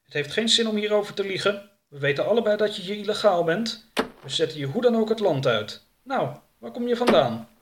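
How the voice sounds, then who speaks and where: A man doing a high, eager young deputy. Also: lively intonation. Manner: dutiful, quick to obey. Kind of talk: audiobook character voice.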